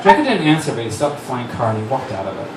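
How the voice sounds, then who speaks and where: Performing fan fiction for laughs at a live fundraiser, this writer-director and actor reads in a sing-song, mid-range voice at a very fast clip. His delivery is theatrical and overdramatic. It's captured as a noisy, echoey stage recording from a distance.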